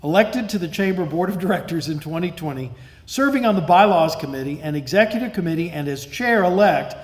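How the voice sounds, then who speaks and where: A man presenting at an awards lunch reads each citation in a measured, formal way, with his voice sitting a touch high. Now and then he pauses to find his words. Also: animated, slightly rough. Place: event hall at a lunch.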